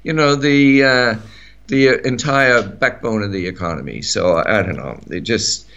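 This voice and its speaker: A man's voice: on the low side, a little slow, fairly bright tone, dull audio. A middle-aged man with an Australian accent, chatting on talk radio, rambling with many fillers and restarts. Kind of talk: casual talk radio chat.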